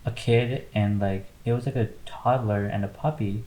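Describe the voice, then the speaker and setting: Low-voiced young man, relaxed chat. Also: moderate pace, reverberant, low-quality recording. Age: young adult. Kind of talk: casual chat.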